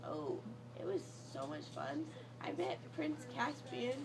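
A young woman, groggy from anesthesia, rambles in a high, creaky voice with big swoops in pitch. She drags her words out boastfully, lying in a recovery room, caught on a noisy phone. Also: wildly swooping pitch, unhurried, a crowd in the background. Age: young adult. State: groggy from anesthesia after surgery. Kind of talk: casual rambling chat. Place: small hospital recovery room, lying in bed. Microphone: handheld phone a short way off. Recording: noisy handheld phone recording.

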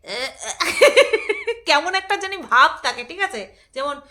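A woman's voice: very high-pitched, wildly swooping pitch, slow pace, pushed and bright. A woman vlogging in a casual, rambling chat, laughing often and breaking into song. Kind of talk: casual chat with snatches of singing.

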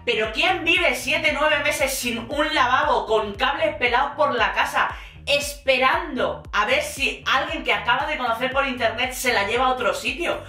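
A woman with a Spain Spanish accent recaps a reality show in slangy, exasperated commentary. Her voice is bright and a touch high. She sounds set back from the mic in an echoey room, with faint music underneath. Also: moderate pace, recorded from a distance.

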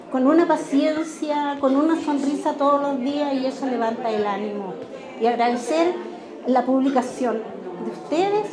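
An older woman, president of a retirees' craft workshop, giving an earnest, grateful news interview at an indoor exhibition. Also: high voice. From Chile. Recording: roomy hall with crowd chatter.

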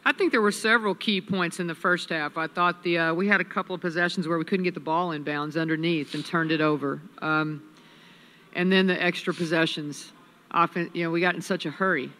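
Woman coach, bright steady voice. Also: fairly low pitch. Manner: measured, analytical, many restarts. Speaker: head coach. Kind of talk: postgame press conference. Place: press room with sponsor backdrop. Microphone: table mic on a stand.

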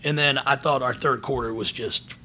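A man in his forties, a basketball head coach, answering questions at a post-game press conference from behind a table microphone, earnest and halting, often restarting his words. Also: mid-range voice, fairly even intonation, bright, forceful tone, slight background noise. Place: press room in front of a team backdrop. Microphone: table microphone in front of him.

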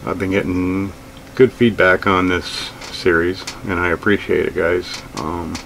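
Gravelly low-voiced man, slow and plain-spoken. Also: slight background noise, low-quality recording. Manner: relaxed, plain-spoken, with frequent fillers. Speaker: outdoors vlogger. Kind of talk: casual gear talk to camera. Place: small indoor room with shelves of gear.

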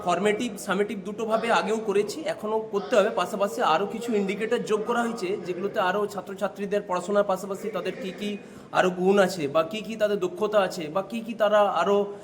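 High-voiced man explaining with hesitations. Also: fairly even intonation, brisk, a crowd in the background. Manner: explanatory, with frequent hesitant fillers. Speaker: school teacher interviewed. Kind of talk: on-site news interview answers. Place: school during a training event.

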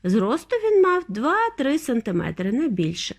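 Lady reading a kids' audiobook, lively and expressive, highish voice. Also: unhurried. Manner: expressive storytelling. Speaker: narrator.

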